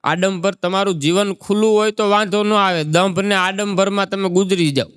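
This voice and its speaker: A man on stage mixes jokes with thoughts on everyday life. His voice sits high and sounds clear and smooth. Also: fairly even intonation, moderate pace, fairly bright tone. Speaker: stand-up comedian.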